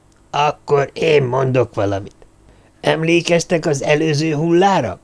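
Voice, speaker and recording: A man reading a blustering old male dwarf leader, loud and demanding. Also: fairly high pitch, pitched above the performer's own voice, close to an everyday voice. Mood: gruff demanding. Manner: loud, demanding, bangs on the table.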